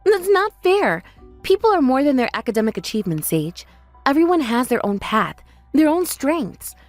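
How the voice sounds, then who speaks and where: An actress playing a hurt, loyal young sister in a family drama, speaking in an earnest, emphatic way. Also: female voice, high voice, big pitch swings, normal speed, darkish tone, faint music behind. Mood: hurt, defensive. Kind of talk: dramatized family-conflict story dialogue.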